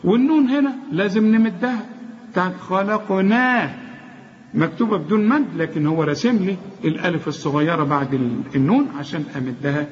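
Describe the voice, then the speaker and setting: A man's voice: sits high, fairly quick, big-room sound, dull audio. An Egyptian man teaching Quran recitation, correcting mistakes and chanting each example. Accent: Egyptian Arabic. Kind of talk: tajweed lesson.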